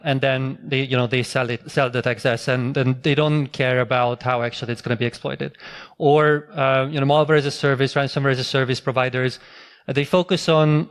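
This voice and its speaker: Hungarian-born man, middle-aged, conference speaker, smooth resonant voice, mid pitch, loose delivery full of "um"s. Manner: relaxed, many fillers and restarts. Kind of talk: technical conference talk. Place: conference hall.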